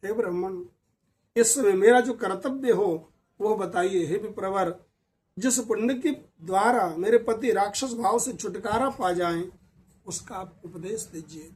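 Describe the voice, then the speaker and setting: A man's voice: sits high, measured pace, darkish tone. A man voicing a grieving, devoted young apsara wife, speaking in a pleading way in a storybook tale.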